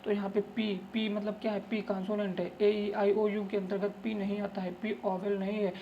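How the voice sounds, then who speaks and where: A high-voiced man gives an English grammar tutorial at a moderate pace and level tone, repeating himself and coaxing students with frequent "look" and "okay." He affectionately calls them "babu." His tone is dark, the highs are cut off, and there's a little hiss or hum.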